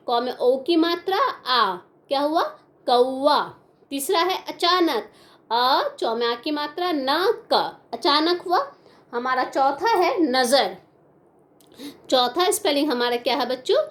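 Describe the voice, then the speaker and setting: A woman teaching young children, patiently dictating spellings letter by letter and repeating each word. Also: sits high. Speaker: primary school teacher. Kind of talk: online class lesson, slow dictation of spellings.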